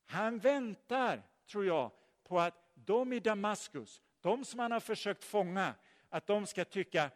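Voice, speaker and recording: A man preaching a sermon, telling the story in a lively way and putting questions to his listeners. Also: sits high. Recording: long hall reverb.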